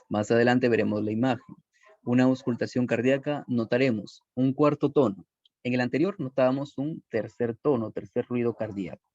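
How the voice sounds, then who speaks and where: A man's voice: mid-range voice, warm tone, dry recording. A man presenting a recorded medical class, explaining steadily with fillers and small self-corrections. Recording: dull lo-fi voice recording.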